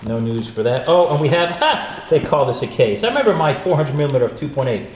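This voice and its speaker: A man's voice: a little high, expressive, fast. An older American man hosting a casual unboxing, chatting with wry, grumbling asides, recorded in a big echoey room. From United States. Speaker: host. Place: large echoey room, not his usual studio. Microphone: studio mics set up nearby. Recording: echoey room with faint noise.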